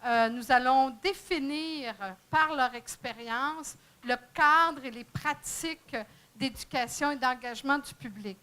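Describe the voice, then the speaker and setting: A woman hosts a conference panel in a high, bright voice. She talks slowly and unhurriedly, pausing on fillers and restarting phrases as she introduces each guest. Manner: hesitant, many fillers and restarts, friendly introductions. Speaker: panel moderator. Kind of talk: bilingual conference panel hosting. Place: conference room.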